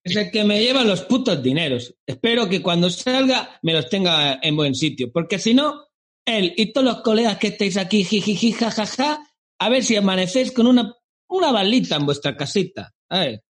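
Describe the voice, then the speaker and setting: A man's voice: sits high, sing-song, moderate pace, a bit bright, heavily acted. A man voicing a boastful, crude and menacing middle-aged Galician drug lord with a put-on Galician Spanish accent, in an improvised podcast comedy sketch. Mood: menacing swagger. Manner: swaggering, crude, threatening.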